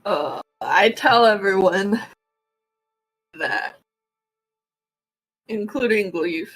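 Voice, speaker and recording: A woman's voice: medium pitch, expressive, very slow, a bit bright, husky, soft background music, low-quality recording. A woman playing in a tabletop game, asking playful questions. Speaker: player. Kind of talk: casual tabletop play.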